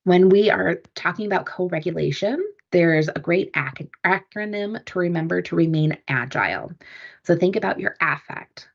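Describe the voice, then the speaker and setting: A woman giving a calm, explanatory webinar presentation to parents and caregivers. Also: on the low side, moderate pace, vocal fry, lo-fi sound.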